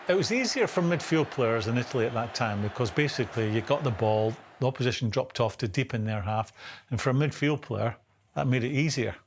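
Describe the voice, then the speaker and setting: A man's voice: medium pitch, animated, fairly quick, slight background noise. A man explaining football tactics in an analytical interview. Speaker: football pundit.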